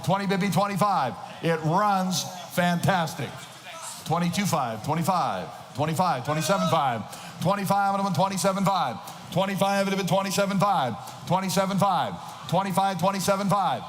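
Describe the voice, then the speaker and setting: In a large auction hall, an auctioneer calls bids with an insistent, rhythmic chant of repeated numbers and filler phrases. His voice is high, a bit bright, at normal speed, heard through an echoing hall PA with noisy ambience.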